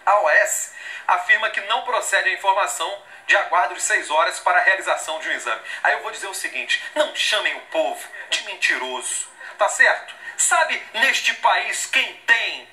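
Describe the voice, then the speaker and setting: A man's voice: high voice, lively intonation, moderate pace, pushed and bright, reverberant. Indignant Brazilian man anchoring the news. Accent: Brazilian Portuguese. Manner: indignant, sarcastic, emphatic, gesturing. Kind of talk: opinionated TV news commentary. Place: television studio.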